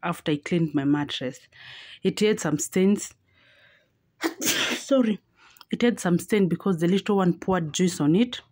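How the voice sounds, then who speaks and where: Chatty woman vlogger with a low, mellow voice. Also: dry recording. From Kenya. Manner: chatty, repeats words for emphasis. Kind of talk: casual vlog voice-over. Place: home kitchen, indoors.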